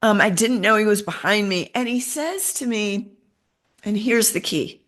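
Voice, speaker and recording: A middle-aged woman shares a personal story in an interview. She talks in an animated way, taking on the voices of the people she quotes as she goes. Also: mid-range voice, unhurried. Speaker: interview guest.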